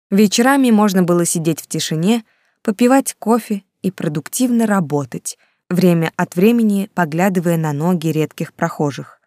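A woman narrating a novel as an audiobook in a calm, even storytelling manner. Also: lowish voice, no echo, studio quality.

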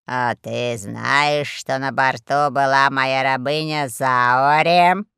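A woman voicing a lazy, fat, menacing male crime boss in a storybook, drawling slowly and low. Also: steady tone, fairly bright tone, smooth, no echo, clean studio sound, heavily acted.

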